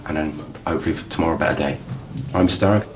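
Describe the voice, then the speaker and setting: A man speaking as a platoon commander, calm, reassuring and matter-of-fact. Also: extremely low pitch, fast talker. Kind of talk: direct talk and interview. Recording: background noise.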